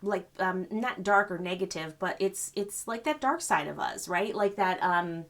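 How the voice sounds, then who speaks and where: An older woman giving a gentle, rambling spiritual card reading, full of fillers and reassurance. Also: lowish voice, unhurried. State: choked up. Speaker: psychic reader.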